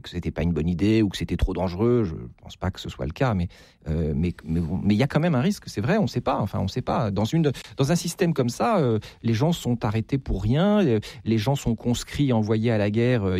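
A man's voice: on the low side, animated, fairly quick, warm tone, no room sound, studio quality. A man being interviewed as an author, speaking hesitantly with many restarts and repeated words. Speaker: author, guest. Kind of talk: interview conversation.

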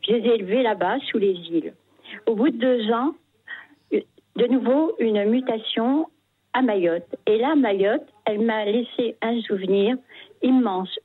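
An older woman from France phones in to a radio talk show and speaks in a halting way, restarting her sentences often. Her voice comes through breathy and slightly husky. The call sounds thin and narrow, like a telephone line. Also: medium pitch, no echo. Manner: hesitant, halting, many restarts. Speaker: radio caller. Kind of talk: phone-in testimony. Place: her home.

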